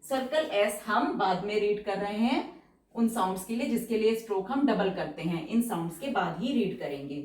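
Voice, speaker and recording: A woman's voice: mid-range voice, a little mellow, far from the mic. A woman teaches shorthand in a patient, step-by-step way, saying each example word twice. Her voice sits back from the microphone. The room around her carries a noticeable echo. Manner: patient, repeats example words slowly. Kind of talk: step-by-step tutorial explanation. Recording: roomy echo, voice from off-mic.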